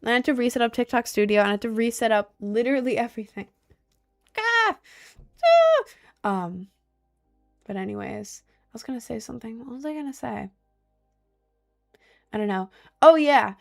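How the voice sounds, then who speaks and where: A woman's voice: fairly high pitch, brisk, vocal fry, long pauses, darkish tone, soft background music. A young woman from the United States chatting casually on a livestream at her home desk, rambling with lots of ums and likes. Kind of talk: casual stream chat.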